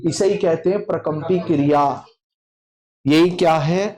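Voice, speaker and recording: A man's voice: a little high, a little mellow. A man teaching an exam-prep language class, drilling students by repeating questions and answers aloud. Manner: slow, emphatic explanation. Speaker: Hindi teacher.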